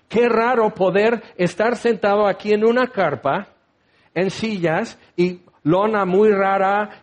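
A man preaching a sermon in a tent, dramatically acting out the voices in scripture. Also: high-pitched.

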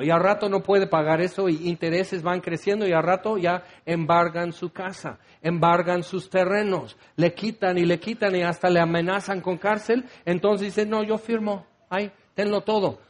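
Man, pastor, sermon, high voice, jokey, rambling, acts out scenes. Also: normal speed, hardly any pauses.

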